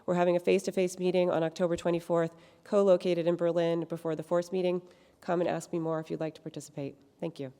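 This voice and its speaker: A woman giving a brisk lightning talk at a conference while losing her voice, clearing her throat now and then. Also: on the low side, little pitch movement, warm tone, slight background noise. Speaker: conference presenter. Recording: reverberant conference hall.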